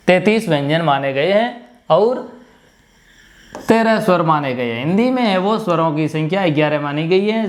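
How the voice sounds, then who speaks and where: A male teacher with a Rajasthani Hindi accent giving a classroom lecture, explaining step by step and repeating sounds slowly for pronunciation. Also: high voice.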